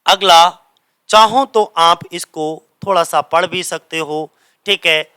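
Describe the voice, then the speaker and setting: Bright-voiced literature teacher drilling answers. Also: male voice, high-pitched, smooth, no echo, low-quality recording. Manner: repeats key answers as quiz questions to students; mixes Hindi and English, reads English passages slowly. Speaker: English literature coaching teacher. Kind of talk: exam-prep lecture.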